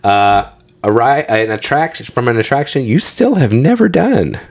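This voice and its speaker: A man's voice: medium pitch, very animated, moderate pace, a little mellow. A man co-hosting a podcast in casual chat, enthusiastic and chatty as he shares trivia. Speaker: podcast co-host.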